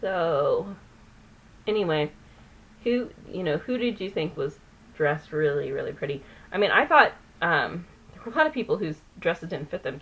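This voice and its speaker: A woman's voice: fairly low pitch, fairly bright tone, highs cut off. A woman vlogger chatting casually while doing her makeup, rambling and often losing a word mid-sentence. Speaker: beauty vlogger. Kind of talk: chatty get-ready-with-me.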